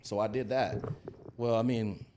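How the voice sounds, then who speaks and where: Telling stories casually as a podcast guest, an American digital marketing consultant in his early forties speaks at a measured pace. His voice is fairly low, warm and steady, with a little hiss or hum in the recording.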